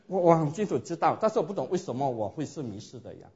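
A man preaching a sermon and telling his own story in a lively way, often asking his listeners rhetorical questions. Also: a little high, fast. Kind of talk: sermon with personal testimony. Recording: dull lo-fi recording.

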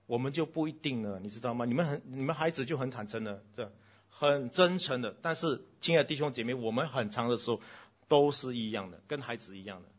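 This male preacher addresses a congregation, alternating shouted exclamations with quiet lines, mixing in bits of English, and turning to talk to the kids directly. He has a mid-range voice and talks fast, over dull audio.

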